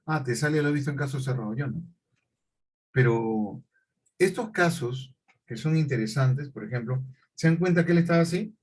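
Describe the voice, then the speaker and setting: A man's voice: mid-range voice, animated, normal speed, darkish tone. A male teacher leading a conversational class, telling chatty anecdotes and correcting himself as he goes. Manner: chatty storyteller, self-correcting, laughs mid-story.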